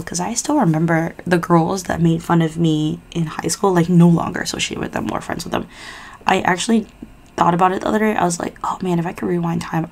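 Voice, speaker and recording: A woman's voice: on the low side, gravelly. A young adult woman vlogger chatting casually and giving personal advice in an informal, rambling, confiding way.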